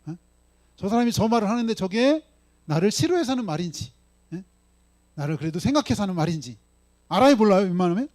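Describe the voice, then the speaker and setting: Lively high-voiced male pastor preaching. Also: fast talker, pauses often. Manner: conversational preaching, often asks the congregation "응?"; voices his own lines for Jesus in dialogue. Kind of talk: sermon.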